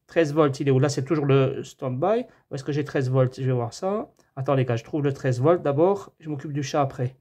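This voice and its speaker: A man's voice: mid-range voice, fairly quick, few pauses, darkish tone. A man giving a casual hands-on TV repair tutorial, chatting to viewers as friends and thinking aloud as he measures. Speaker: TV repair technician.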